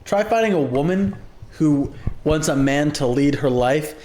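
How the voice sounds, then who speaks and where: A man chatting on a podcast with his friends, crude and joking, prone to loud outbursts. His voice sits a bit high and bounces off the walls of an echoey room. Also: expressive, a little slow. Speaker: podcast co-host. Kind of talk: casual chat.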